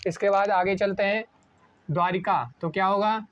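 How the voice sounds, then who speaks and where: A man teaching an exam-prep spelling lesson at a board, asking a question and answering it himself, slowing down on each correct word. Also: sits high, fairly even intonation, fairly bright tone. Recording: dull lo-fi sound.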